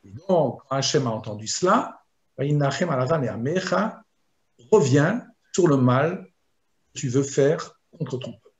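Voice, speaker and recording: A man teaching a Torah lesson as a rabbi, explaining slowly and chanting Hebrew verses in between. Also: mid-range voice, expressive, muffled recording. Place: video lesson.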